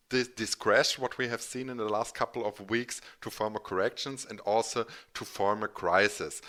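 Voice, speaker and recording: A native German speaker from Germany with a German accent, a financial educator and channel host, gives an informal explanatory presentation, phrasing things hesitantly and correcting himself. His voice is fairly low in pitch with a fairly bright tone.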